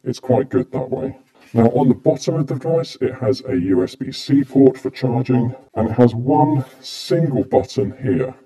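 A man's voice: mid-range voice, expressive, normal speed, warm tone. A man casually reviewing a gadget, speaking through a face mask in a plain, matter-of-fact way. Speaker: product reviewer.

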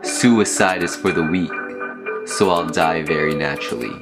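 Very deep, slow solemn male reciter. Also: loud music behind the voice. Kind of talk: reciting a poem as voice-over.

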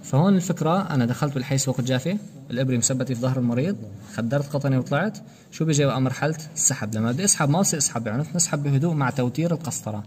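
A man's voice: medium pitch, rapid-fire, a little mellow, a little hiss or hum. A man giving a practical anesthesia lecture, explaining procedure steps and quizzing students with rhetorical questions. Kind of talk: practical medical demonstration.

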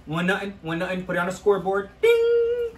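A man's voice: high voice, level tone, racing, fairly bright tone. A man chatting casually and egging on his friend in competitive banter while eating gross jelly beans. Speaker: host of a food challenge video. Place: small room at a table, indoors. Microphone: camera a few feet away. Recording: roomy echo, faint background noise.

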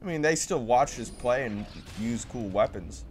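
A man's voice: medium pitch, animated, moderate pace, faint music behind. A man hosting a casual gameplay commentary with a friend, joking and teasing sarcastically. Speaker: let's play host.

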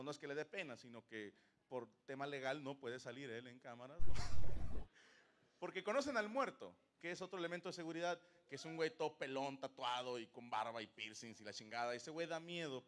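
A Mexican-accented man streams live, spinning a crude, jokey anecdote. His voice is a little high and a bit bright, and the stream audio is noisy.

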